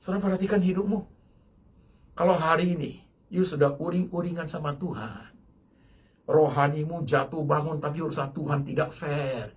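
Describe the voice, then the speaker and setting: Emphatic high-voiced preacher, older man. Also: normal speed. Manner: emphatic preaching, repeats phrases, mixes in English. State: ill with kidney disease. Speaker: pastor. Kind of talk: sermon.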